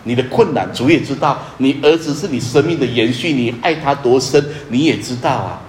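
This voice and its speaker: A man preaching a sermon as pastor, earnest and emphatic, repeating key phrases and often dropping to a soft, low voice. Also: brisk, reverberant, slight background noise.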